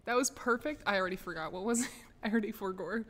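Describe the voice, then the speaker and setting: An American woman chatting on a live stream from an office. She laughs often and pokes fun at herself, and her voice sits at a middle pitch for a woman. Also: quick pace, a bit bright, in a large hall. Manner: laughs often, self-deprecating. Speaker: streamer host. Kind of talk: casual live-stream chat.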